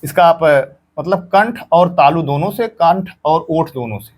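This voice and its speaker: A man's voice: a little high, measured pace. A male teacher giving an exam-prep grammar lesson, patiently saying each sound aloud and repeating points for students.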